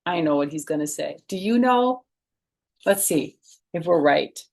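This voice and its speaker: Her voice is low, creaky and darkish in tone, animated but a little slow, as this middle-aged woman reads a picture book to children. She performs it expressively and chats between lines, recording at home in a small furnished room as a storytime reader.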